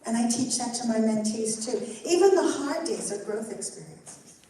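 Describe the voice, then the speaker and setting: Warm and expressive, a slightly high female voice at normal speed belongs to an older guest rabbi teaching Torah and taking questions. She speaks earnestly and encouragingly to the group, recorded from afar in an echo-filled synagogue hall over faint background noise.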